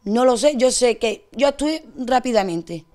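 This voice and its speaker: A young woman with an Andalusian accent, giving a distressed, rushed account as an interviewee. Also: on the high side, lively intonation, a little mellow. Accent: Andalusian Spanish. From Spain. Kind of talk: emotional testimony.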